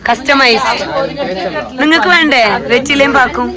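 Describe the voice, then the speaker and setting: High-pitched chatty woman vlogger amid chatter. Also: normal speed. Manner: chatty, code-mixing with English words. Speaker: vlogger hosting a family festival vlog. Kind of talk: casual vlog chat. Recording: busy crowd chatter around the voice.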